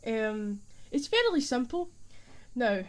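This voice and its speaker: A woman's voice: a little high, very animated, slow pace. A young woman with a thick Scottish accent, chatting playfully and loosely as a teacher in a spoken role-play. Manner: chatty, playful and rambling, heavy dialect.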